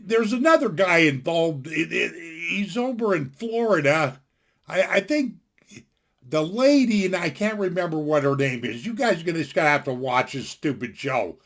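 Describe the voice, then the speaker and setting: A man in his sixties vlogs from home into a desktop computer mic, his fairly high-pitched voice a bit bright. In a casual opinion rant to camera, he's blunt, folksy, and opinionated, rambling and restarting sentences.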